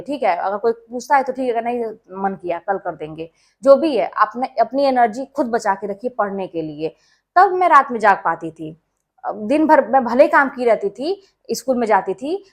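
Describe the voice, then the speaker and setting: Woman with a slightly high voice, earnest and emphatic, for an informal motivational study-tips talk. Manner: earnest, emphatic, speaks directly to listeners. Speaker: schoolteacher. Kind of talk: casual advice talk to exam aspirants.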